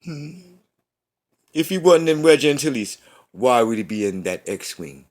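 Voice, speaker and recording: A man in his thirties rants through a casual movie review in profane, slangy street talk, repeating himself. His mid-range voice swings widely in pitch, and he speaks a little slowly.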